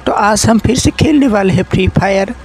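A man giving casual, excitable gameplay commentary, swearing and yelling at his teammates as he plays. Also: high voice, normal speed, poor audio. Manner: excitable, swears and yells at teammates mid-game. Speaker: gaming commentator.

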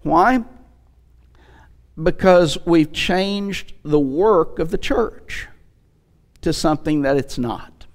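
Delivering an emphatic sermon at a church pulpit, this man in his sixties talks slowly and with animation in a slightly high voice, leaving long pauses. He wears a headset mic and leans on repetition and rhetorical questions.

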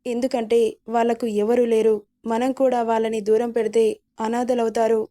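An innocent, frightened young wife pleads anxiously in an audio story, as a woman narrator reads her. Her voice is fairly high and mellow, with a flat, even line. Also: normal speed, lightly acted. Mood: pleading.

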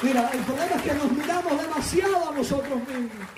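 A pastor preaching a sermon in a fervent way, breaking into shouts. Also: male voice, very high voice, a little fast, roomy sound, recorded from a distance, crowd noise, noisy background.

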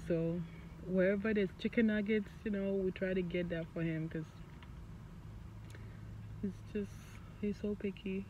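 Slow-talking woman vlogging on her phone. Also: fairly low pitch. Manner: chatty, rambling with many fillers. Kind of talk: casual travel vlog. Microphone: phone at arm's length. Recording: dull lo-fi phone audio with background noise.

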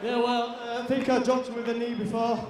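A man's voice: extremely high pitch, completely flat delivery, a little fast. A young man, an MMA fighter giving a casual post-fight interview. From Yorkshire, England. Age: young adult. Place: large indoor cage-fight venue. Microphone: handheld. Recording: echoey hall PA, distant, noisy crowd.

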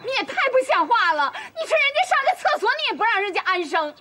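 A woman's voice: extremely high pitch, very animated, fast, heavy background noise. An actress with a Northeastern Mandarin accent playing an older village aunt, scolding and fussing over her husband. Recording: loud music underneath.

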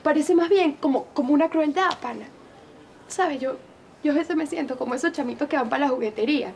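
A woman's voice: high voice, fairly quick, vocal fry, darkish tone, slight background noise. An actress with a Venezuelan accent playing a heartbroken young woman who reproaches her lover with slang, in a telenovela. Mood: hurt. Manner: hurt, reproachful, speaks in slang. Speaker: Cira. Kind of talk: telenovela acting.

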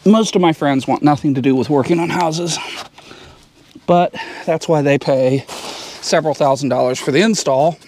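Man, breathless, mid-high voice, muttering in bursts, cramped attic, faint background noise. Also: normal speed, darkish tone. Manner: talks in bursts between physical work, muttering frustration. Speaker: home DIY vlogger. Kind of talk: casual narration while working.

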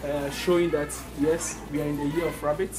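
A young man strolls through a big indoor supermarket, talking to viewers in a chatty vlog. He is recorded on a handheld phone as he walks. Loud music plays behind his voice throughout. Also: on the high side, level tone, a little fast. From Ghana. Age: young adult. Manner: chatty, addresses viewers directly, frequent restarts. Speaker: vlogger. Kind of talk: casual vlog walkthrough. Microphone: handheld phone camera, walking.

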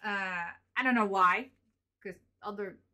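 A woman's voice: mid-range voice, unhurried, sharp tone. Rambly mom vlogger in her 30s, chatty unboxing talk, lots of ums and little giggles. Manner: chatty, rambling, frequent fillers and small laughs. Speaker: vlogger showing convention purchases. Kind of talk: casual unboxing chat.

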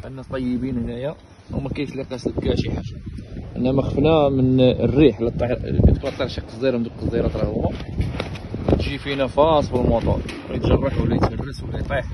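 A man's voice: medium pitch, highs cut off. A Moroccan-accented man vlogging casually outdoors on a handheld phone during a motorbike trip, with wind buffeting the mic. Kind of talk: casual motorbike travel vlog, filming himself outdoors. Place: outdoors in windy countryside. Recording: loud wind buffeting the microphone.

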